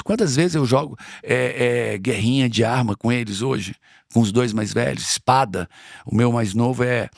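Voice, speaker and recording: A middle-aged man from Brazil talks in an interview with a gravelly edge to his voice. He is earnest and circles back on his key phrases to drive them home. The recording is dry and close. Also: mid-range voice, no room sound. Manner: earnest, repeats phrases for emphasis. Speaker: interview guest. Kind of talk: conversational interview.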